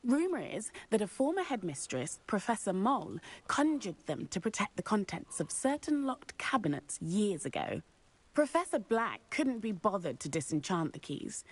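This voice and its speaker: A woman voicing a cheerful, excitable young female student in a game, chatty and a little husky. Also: mid-range voice, normal speed, dry recording. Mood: excited. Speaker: game character.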